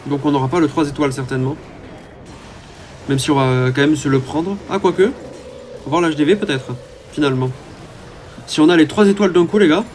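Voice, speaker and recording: A man with a slightly higher voice talks his way through a mobile strategy game, chatty and hesitant, filling pauses as he thinks aloud. Faint noise sits behind his voice. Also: darkish tone. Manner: chatty, hesitant, many "euh" fillers. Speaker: gaming YouTuber. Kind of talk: casual gameplay commentary.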